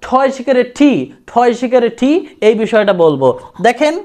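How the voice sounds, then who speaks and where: ধীরে ধীরে উচ্চারণ শেখানো পুরুষ শিক্ষক. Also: male voice, very high voice, lively intonation, a little mellow. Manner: drills phrases slowly, repeating words. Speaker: English pronunciation teacher. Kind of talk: spoken language lesson.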